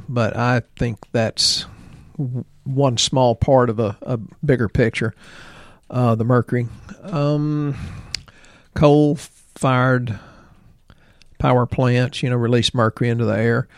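A man in his sixties chats on a health podcast with a gravelly, rough-edged voice. He rambles into side stories and drops joking asides. The sound is dry and close, with no room around it. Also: medium pitch, fairly even intonation, slow pace, no echo. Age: 60s. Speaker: podcast co-host, health practitioner. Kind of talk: casual health podcast chat.

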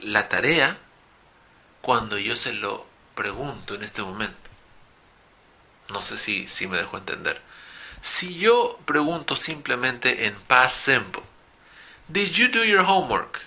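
Lively, forceful male English teacher. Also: medium pitch, vocal fry. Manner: animated, repeats example phrases. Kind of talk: explanatory language lesson.

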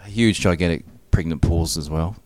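A man's voice: deep voice, normal speed, darkish tone, slight background noise. A man with a broad New Zealand accent hosting a podcast in casual, matey, slangy banter. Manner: laid-back, matey, slangy. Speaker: podcast host and interviewer.

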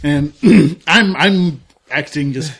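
A man playing a tabletop role-playing game, improvising what his character does in a halting way, repeating words as he builds the scene. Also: a little high, husky. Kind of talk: improvised narration of own character's actions.

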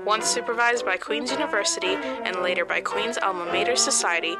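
A woman reading a scripted radio station promo in a crisp, informative way. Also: medium pitch, a little fast, loud music behind the voice. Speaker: station announcer.

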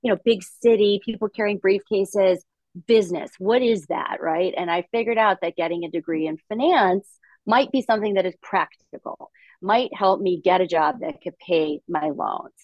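A woman's voice: medium pitch, moderate pace, a little mellow, no echo. A middle-aged woman from Latvia, a podcast guest, telling her story in an articulate, upbeat way. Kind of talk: conversational interview.

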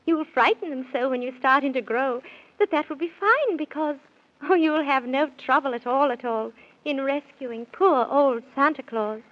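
In a dull-sounding 1930s children's radio serial, an actress takes the role of a good fairy-tale queen who reassures and instructs in theatrical, sing-song rhyme. Her voice sits high and stays close to everyday speech, at a moderate pace.

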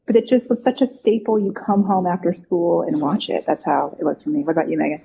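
Gravelly low-voiced thirties woman. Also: fast, slight background noise. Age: 30s. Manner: relaxed, reminiscing. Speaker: podcast guest. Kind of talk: casual podcast chat. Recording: dull lo-fi audio.

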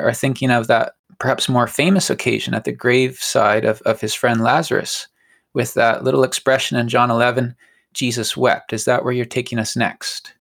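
Man, co-host, gravelly, flat delivery, halting and gentle. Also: medium pitch. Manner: halting, gentle, repeats words. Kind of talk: casual discussion.

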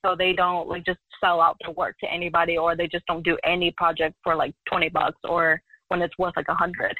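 A young woman with a bright, forceful voice chats freely as a guest on an interview show. She rambles a little and leans on "like" fillers. The sound is dry and close, with no room around it. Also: fairly low pitch, level tone, a little fast, no room sound, low-quality recording. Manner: talkative, loose, many "like" fillers. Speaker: podcast guest. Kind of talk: casual interview chat.

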